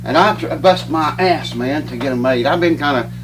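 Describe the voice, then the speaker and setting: A man's voice: on the high side, normal speed, over music. A middle-aged man chatting casually to his viewers, folksy and rambling and out of breath. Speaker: vlogger. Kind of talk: casual chat to camera. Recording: distant mic with clear hum.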